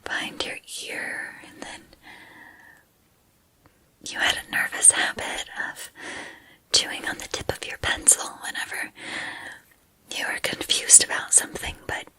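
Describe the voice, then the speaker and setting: A woman's voice: pushed and bright, no echo, poor audio. Woman as a whispering obsessive student, whispered role-play. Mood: infatuated. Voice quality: breathy whisper, mostly unvoiced. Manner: hesitant, halting, intimate confiding. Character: obsessive lovestruck female student turned captor, soft-spoken and unhinged.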